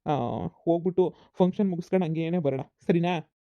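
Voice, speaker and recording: A performer voicing a patient young village husband in a cartoon comedy, giving calm instructions. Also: medium pitch, fairly quick, no echo, natural voice. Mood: instructing. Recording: dull lo-fi dry recording.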